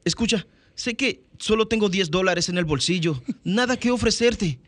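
A man's voice: sits high, normal speed, voice pushed up, lightly acted. A man voicing an earnest young male romantic lead in a tender, heartfelt film dub delivery.

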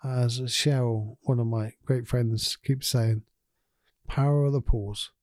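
A man hosting a podcast, talking in an earnest, gentle and encouraging way about life's small moments. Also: medium pitch, steady tone, slow, dry recording, clean studio sound. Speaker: podcast host. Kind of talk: reflective motivational podcast talk.

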